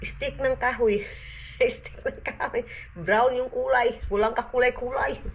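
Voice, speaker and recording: A woman's voice: on the high side, steady tone, measured pace, a little hiss or hum. A woman, a mother, chatting casually to her vlog viewers at home and mixing in English words. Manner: chatty, mixes Tagalog with English, often says "day". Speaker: vlogger and mother. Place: home, porch and yard outdoors.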